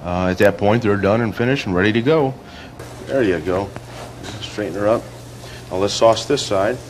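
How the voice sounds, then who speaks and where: A man with a fairly low voice walks through a cooking demonstration. His talk is folksy and polite, full of little fillers. A faint hiss sits behind him. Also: moderate pace. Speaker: restaurant cook.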